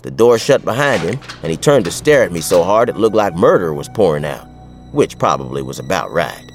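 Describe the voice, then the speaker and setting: A man's voice: deep voice, very animated, a little fast, faint music behind. An actor playing a wry, tough frontier sheriff who tells his western story in folksy talk with an American West accent. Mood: gruff, defiant. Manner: folksy, colloquial. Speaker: narrator and lead character. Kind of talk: dramatized first-person western storytelling.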